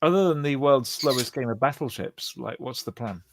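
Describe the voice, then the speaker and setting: A man running a tabletop game as dungeon master, wry and quick to laugh as he narrates. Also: mid-range voice, a little hiss or hum.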